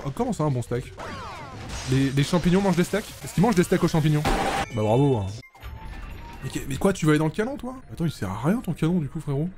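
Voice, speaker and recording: A man's voice: fairly high pitch, fast talker. A man giving casual, joking gameplay commentary as a let's play host, swearing freely. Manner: animated, jokey, swears freely. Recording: loud game music behind.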